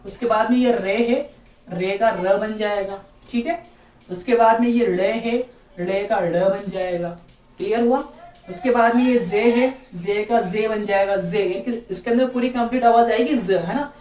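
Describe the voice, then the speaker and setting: A woman's voice: medium pitch, darkish tone. Female patient teacher, roomy distant sound. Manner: patient, repeats each letter slowly with frequent "theek hai". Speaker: Urdu teacher. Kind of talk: online language lesson. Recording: roomy, distant mic with faint background noise.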